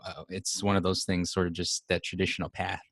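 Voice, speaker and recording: A young man from Hawaii speaking as a podcast guest, relaxed and laid-back, with a lot of filler words. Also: deep voice, brisk, no room sound, studio quality. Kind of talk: casual conversation.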